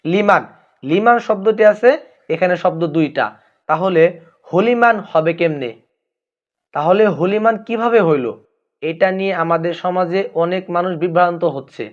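A man's voice: high voice, moderate pace, long pauses, muffled recording. A man giving a religious lesson on pronunciation, repeating each phrase carefully and addressing his listeners as honored friends. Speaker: religious teacher.

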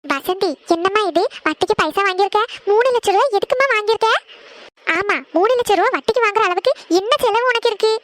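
A woman's voice: very high voice, quick pace, a bit bright. A woman voicing a concerned older village woman, firm and scolding as she negotiates for a relative. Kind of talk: cartoon voice acting.

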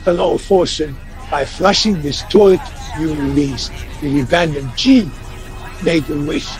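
A man's voice: fairly high pitch, a little slow, music in the background. A synthetic male text-to-speech voice reading out a donation message. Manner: synthetic social media TTS voice.

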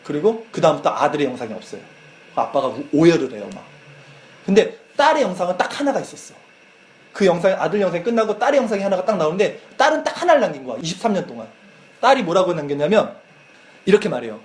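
A man preaching a youth sermon, retelling a film as a lively story and acting out the quoted lines. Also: sits high, fast talker, slight background noise. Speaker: youth pastor. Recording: echoey church hall.

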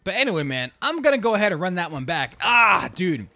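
A man giving casual gameplay commentary, excitable and slangy, talking straight to his viewers as bro and dude. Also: high-pitched, brisk. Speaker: gaming YouTuber.

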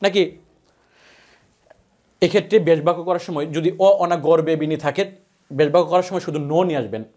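A man's voice: a little high, a little fast, pauses often, darkish tone. A man teaching a grammar lesson, asking questions and answering them himself. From Bangladesh. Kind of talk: classroom lecture.

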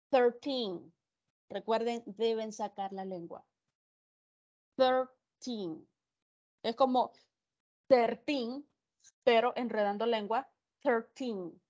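A woman's voice: on the high side, dark tone, lo-fi sound. A woman teaching an English class online, explaining patiently and repeating the numbers. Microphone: video call.

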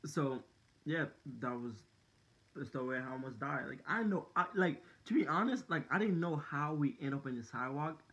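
A man's voice: on the high side, animated, moderate pace, a bit bright, dull audio. Rambling young man, slangy storytelling. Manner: rambling, many "like" and "dude" fillers, slangy. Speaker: vlogger. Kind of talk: casual storytelling to camera.

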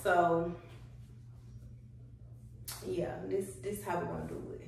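A woman's voice: on the low side, little pitch movement, slow pace, vocal fry, darkish tone, a little hiss or hum. A woman vlogger in casual chat at home, easygoing and slangy as she talks to her viewers. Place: home indoors. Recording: roomy, from a distance, faint music. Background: faint music from a TV.

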